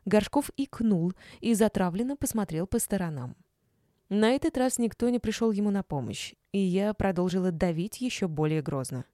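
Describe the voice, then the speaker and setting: A woman narrating a story in the first person, snapping out her character's sharp retorts. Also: mid-range voice, animated, moderate pace, dry recording, clean studio sound. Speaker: audiobook narrator. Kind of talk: scripted narration.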